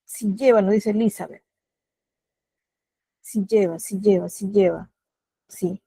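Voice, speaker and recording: Peruvian spanish lady teaching online class, mellow voice, patient, calls on students, dry sound. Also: mid-range voice, fairly even intonation, takes it slowly, creaky, breathy edge, no echo.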